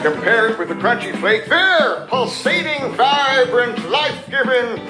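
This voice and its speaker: A gushing hard-sell advert announcer booms out an over-enthusiastic pitch in a very high voice. It sounds like a roomy old radio broadcast with loud music behind. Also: male voice, expressive, unhurried.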